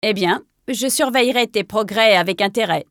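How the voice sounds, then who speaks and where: A woman's voice: moderate pace, a bit bright, dry recording, studio quality, close to an everyday voice. A woman voicing a stern, imposing male warrior cat in a storybook reading, brusque and commanding. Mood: silky. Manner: brusque, then silky and low.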